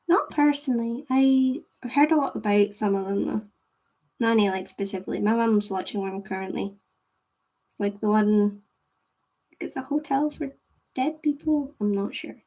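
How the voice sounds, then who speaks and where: A young Scottish woman hosts a livestream, chatting casually with viewers while rambling, giggling and saying "like" constantly. Her voice is a little high with a dark tone, at normal speed but with long pauses.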